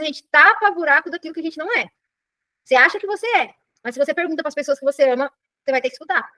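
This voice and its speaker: A middle-aged Brazilian woman coaching a class, talking very quickly in a high voice. She keeps checking in with her listeners, and her voice sounds dry and close. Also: dry recording. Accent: Brazilian Portuguese. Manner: animated, keeps checking in with "entendeu?". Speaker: personal development coach. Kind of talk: live online class talk.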